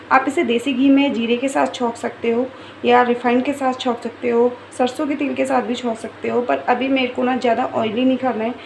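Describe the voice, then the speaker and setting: A young woman talking casually through a home vlog, feeling unwell while pregnant. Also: on the high side. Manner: chatty, talks softly while child sleeps. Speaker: vlogger. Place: home, kitchen and bedroom. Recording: noisy home recording.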